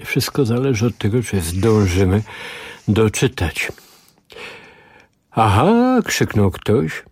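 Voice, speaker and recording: A man reading a novel aloud on the radio, with lively, expressive storytelling. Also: on the low side, measured pace, slightly rough, no room sound, clean studio sound. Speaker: radio reader. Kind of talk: dramatic audiobook reading on radio.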